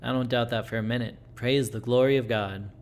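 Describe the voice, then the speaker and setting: A man voicing a dying, devout old friend in a game, blunt, folksy and halting. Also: medium pitch, steady tone, close to an everyday voice. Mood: resigned.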